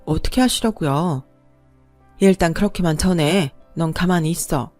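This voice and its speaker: A woman's voice: lowish voice, moderate pace, darkish tone, soft background music, close to an everyday voice. A woman voicing a commanding, wealthy middle-aged businesswoman who speaks firmly. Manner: firm, cool, authoritative.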